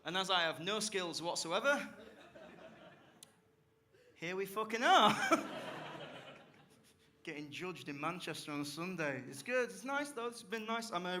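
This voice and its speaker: Bright, cheeky South Yorkshire comic. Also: male voice, high-pitched. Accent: South Yorkshire English. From Barnsley, South Yorkshire, England. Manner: cheeky, sweary banter with the crowd. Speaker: stand-up comedian. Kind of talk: live stand-up set. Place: comedy club stage.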